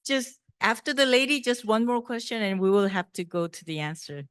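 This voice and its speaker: A woman moderating a conference Q&A, brisk and informal as she picks the next questioner. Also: a little high, lively intonation, a bit bright, smooth, no echo. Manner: brisk, informal, laughs easily. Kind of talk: moderating a panel Q&A.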